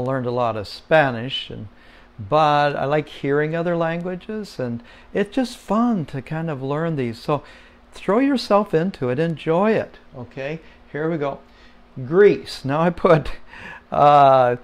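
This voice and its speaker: A man giving a casual home-made Spanish lesson, slow and patient, with many fillers, repeating words for listeners to say along. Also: on the high side. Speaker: Spanish teacher.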